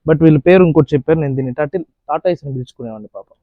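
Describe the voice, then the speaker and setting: A man's voice: fairly high pitch, very fast, dry recording, phone-quality sound. A man vlogging casually at an outdoor animal park, chatting playfully to the animals. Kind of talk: casual vlog narration.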